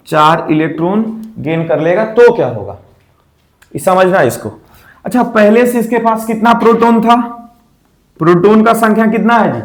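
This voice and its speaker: High-voiced teacher in echoey room. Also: male voice. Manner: asks questions and answers them himself, repeating key terms. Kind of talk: classroom-style chemistry lesson.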